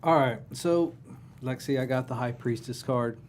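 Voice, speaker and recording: A man's voice: mid-range voice, moderate pace, a little mellow, slight background noise. A man co-hosting a casual live chat, giving a tarot reading in an easygoing, encouraging way. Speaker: co-host and tarot reader.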